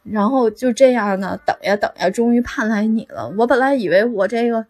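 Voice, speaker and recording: A woman's voice: on the high side, expressive, fairly quick, darkish tone. A woman voicing a hapless young male student who posed as a wax figure, rambling with many fillers. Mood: rueful. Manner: rambling, full of "then" fillers.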